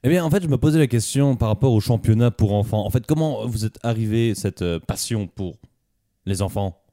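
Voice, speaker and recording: Brief: male co-host, warm dark tone, amused, dry close sound. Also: lowish voice, brisk, dry recording. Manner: amused, laughs between lines. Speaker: comedy show co-host. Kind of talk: improvised comedy sketch.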